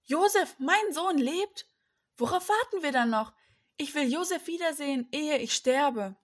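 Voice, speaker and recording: A woman voicing an old father in a children's story, exclaiming with a voice pitched up in excitement. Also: slow. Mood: excited. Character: old father, shocked then overjoyed.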